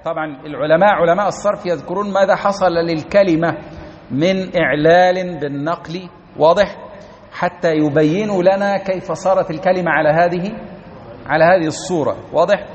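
A man's voice: on the high side, steady tone, a little fast. Man teaching a grammar class. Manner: explains step by step, repeats key words, keeps checking the class understands. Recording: dull lo-fi recording.

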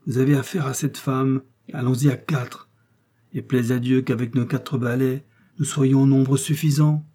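A man reading a grim calm musketeer. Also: mid-range voice, normal speed, close to an everyday voice. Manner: calm, somber.

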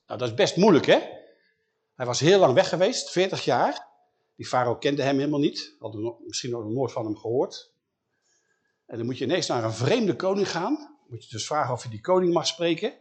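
A man's voice: medium pitch, lively intonation, normal speed. A man retelling a Bible story in a conversational way, with frequent questions to the listener.

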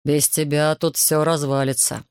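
A woman reading an audiobook, voicing a calm, wealthy male plantation master who talks smoothly and patronizingly. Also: deep voice, normal speed, no echo, clean studio sound. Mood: unruffled.

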